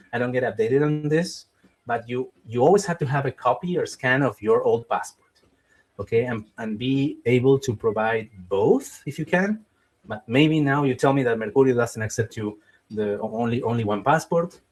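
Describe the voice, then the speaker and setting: A visa webinar host whose first language is Spanish explains things during a live Q&A, repeatedly checking in with "okay?" and cautiously qualifying advice with "in my opinion." His mid-range voice is animated and a little mellow, at a normal speed.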